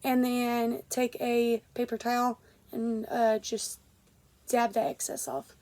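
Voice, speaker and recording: A young woman vlogger, congested and stuffy, talks casually through an unboxing, rambling with lots of fillers and restarts. Her voice is on the high side with a dark tone, little pitch movement, and a slow pace.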